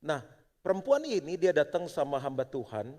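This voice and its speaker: A middle-aged male pastor preaching a sermon, moving between loud exhortation and hushed prayer. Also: a little high, big pitch swings, moderate pace. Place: church auditorium. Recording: long church hall reverb.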